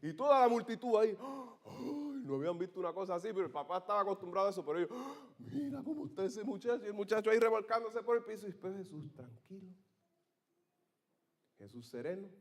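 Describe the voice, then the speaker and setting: High-voiced man preaching a dramatic sermon. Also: animated, quick pace. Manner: dramatic storytelling, acting out scenes with shouts and hushed asides; calls the congregation for amens. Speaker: pastor.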